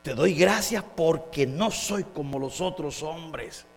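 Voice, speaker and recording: A man's voice: on the high side, takes it slowly, creaky, faint music behind, exaggerated voice. A male preacher voicing a proud Pharisee who boasts in prayer and looks down on others. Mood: smug. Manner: smug, listing others' sins. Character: self-righteous proud male Pharisee praying. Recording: echoey hall.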